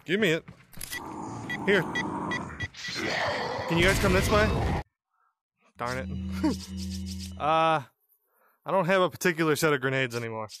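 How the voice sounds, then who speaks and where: A man's voice: on the high side, a little slow, long pauses, over music. A man playing a VR game, chatting casually, joking and talking to the characters on screen. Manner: excitable, jokey, talks to game characters. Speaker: gaming streamer. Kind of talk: casual gameplay commentary.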